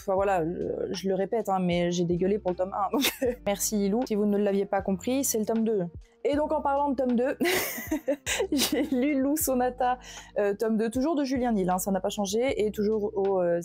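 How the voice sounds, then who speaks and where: A woman's voice: on the high side, mellow. A young woman speaking in a chatty, self-mocking way, often laughing, reviewing books she has read. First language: French. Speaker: book reviewer. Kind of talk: casual book review vlog.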